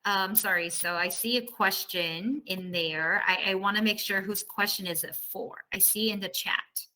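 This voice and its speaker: At a moderate pace, a woman with a mid-range voice that sounds pushed and bright teaches students online over a video call, and the recording is rough. A professor, she explains things in a casual, conversational style and often checks they agree.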